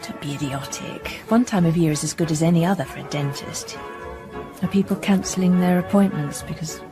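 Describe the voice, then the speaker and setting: In a radio drama, an actress voices a young English hairdresser who is frank, curious and matter-of-fact, speaking in an English accent. Her female voice sits lowish and close to everyday speech, running a little fast over music, with a concerned, frank mood.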